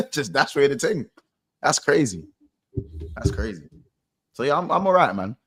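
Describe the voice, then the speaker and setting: A man's voice: mid-range voice, sing-song, normal speed, breathy edge. Slangy London man telling it repetitively. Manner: repeats phrases for emphasis. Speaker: football fan show panellist. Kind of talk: casual chat, storytelling.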